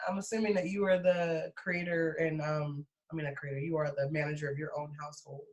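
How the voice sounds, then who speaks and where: A woman's voice: sits low, flat delivery, fairly quick, a little mellow, poor audio. A woman hosting her own online show, introducing and questioning a guest in a friendly, hesitant way. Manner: friendly, hesitant, with many restarts. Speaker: host. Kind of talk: casual interview chat.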